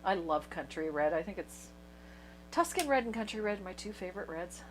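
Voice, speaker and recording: A woman's voice: fairly low pitch, animated, brisk, slight background noise. Chatty woman teaching painting. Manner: chatty, laughs easily. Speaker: painting instructor. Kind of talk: painting tutorial.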